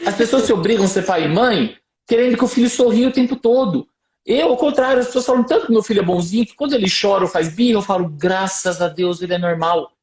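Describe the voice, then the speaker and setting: A Brazilian man, a doctor, giving parenting advice on a live stream in a lively, explaining way with anecdotes. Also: very high-pitched, fast talker, reverberant. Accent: Brazilian Portuguese. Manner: lively explaining, tells anecdotes, asks "percebe?".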